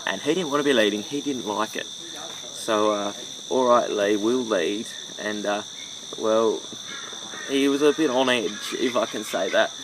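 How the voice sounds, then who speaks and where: A man telling trip stories in a halting, loose way. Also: fairly low pitch. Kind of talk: casual recap talk. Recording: distant mic with background noise.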